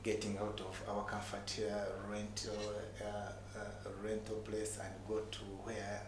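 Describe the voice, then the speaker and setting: A man with a Ugandan accent speaks in a low, fairly flat voice, telling motivational stories about himself. He pauses often and repeats words to drive them home. The recording is a noisy, echoey room. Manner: halting, repeats words for emphasis. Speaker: entrepreneur guest telling his story. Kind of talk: motivational personal storytelling in an interview. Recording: echoey room with clear background noise.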